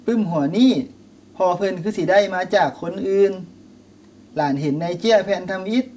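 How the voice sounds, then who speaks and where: A man playing an earnest young nephew, high voice. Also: moderate pace, a little mellow, natural voice. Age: young adult. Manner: earnest, explanatory. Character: young Lao nephew reading an old proverb book. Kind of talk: scripted dialogue skit. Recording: distant mic, faint noise.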